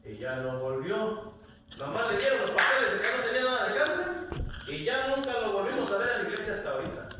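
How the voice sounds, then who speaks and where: A middle-aged man preaching a sermon as pastor, in an animated way with rising exclamations. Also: a little high. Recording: echoey room from far off, noisy.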